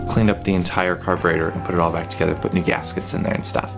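A young man with a fairly low voice narrates a mechanical fix over his footage. He explains each step plainly and matter-of-factly, like a homestead vlogger walking viewers through the job, with music playing behind him. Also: little pitch movement, fast talker, gravelly.

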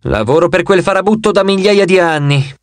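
A man voicing a weary immortal cowherd who speaks in a low, tired drawl, in an audiobook. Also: brisk, no echo, lightly acted.

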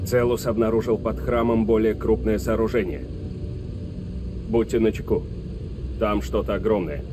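An actor playing a stern military commander speaking in clipped radio talk through a radio transmission, in a game dub. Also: male voice, lowish voice, steady tone, moderate pace. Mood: terse. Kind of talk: video game dubbing. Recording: distant radio voice with noise.

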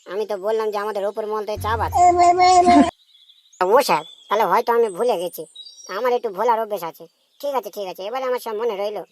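A woman's voice: mid-range voice, slight background noise, natural voice. A woman voicing a forgetful, obliging cartoon cop. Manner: quick, obliging, deferential replies. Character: forgetful male police officer, eager to please. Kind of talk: cartoon voice acting.

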